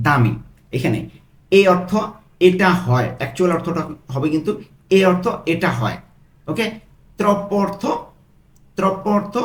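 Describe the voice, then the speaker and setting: A man teaching Italian phrases, repeating each slowly, word by word. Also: a little high, roomy sound. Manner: slow, broken-down repetition of phrases. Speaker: language tutor. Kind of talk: Italian lesson taught in Bengali.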